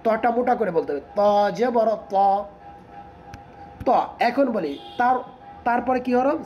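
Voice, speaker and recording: A man teaching children to read Quran letters, asking them questions and repeating the sounds slowly. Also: extremely high pitch, expressive, darkish tone, dull audio, faint music behind.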